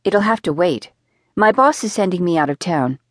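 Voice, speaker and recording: A woman voicing a bold, blunt young female FBI agent who talks in a brisk, offhand way. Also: lowish voice, expressive, no room sound, studio quality, pitched above the performer's own voice.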